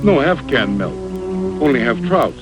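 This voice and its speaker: A man's voice: medium pitch, very animated, over loud music. A broken-English wild man on a 1950s TV broadcast. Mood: earnest. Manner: broken halting English, gruff and plain. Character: reclusive wild man of the woods, broken English, protective of animals. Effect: 1950s TV broadcast soundtrack.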